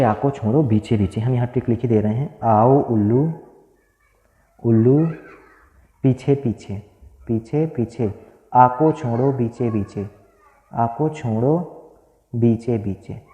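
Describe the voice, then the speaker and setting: A man's voice: medium pitch, a little slow, mellow. A man teaching a grammar lesson at a board, repeating terms and asking his class rhetorical questions. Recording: echoey room, tinny phone-like sound.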